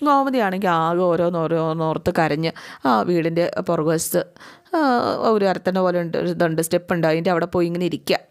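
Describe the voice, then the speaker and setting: A woman's voice: lowish voice, fast talker. Woman storyteller, casual plot retelling of a serial, chatty, loose and unscripted. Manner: chatty, with filler "ആ" and "കേട്ടോ".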